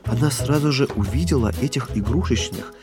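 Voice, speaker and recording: A man narrating a children's story with an expressive, lilting read-aloud delivery. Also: mid-range voice, fairly quick, over music.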